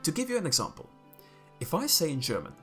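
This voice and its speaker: Over soft background music, a young Croatian video creator talks fast in a fairly high, sharp voice that swings hugely in pitch. A native speaker of Croatian, he gives his viewers a scripted, opinionated explanation to camera, adding dry asides along the way.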